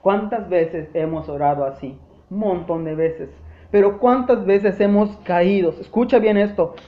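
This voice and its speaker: A pastor with a very high-pitched man's voice preaching with passion and turning again and again to his listeners. The sound is muffled and carries a strong echo from the church hall, and his delivery swings between urgent pleading and quieter reflection. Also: unhurried. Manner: impassioned preaching, often calling out "hermanos". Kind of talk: sermon.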